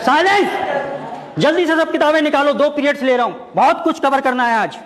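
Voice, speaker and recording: A harsh, sarcastic schoolteacher. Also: male voice, extremely high pitch, animated, fast, a crowd in the background. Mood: stern. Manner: barks orders, sarcastic. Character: strict male schoolteacher, harsh and bossy. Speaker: teacher. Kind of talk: Hindi comedy skit acting.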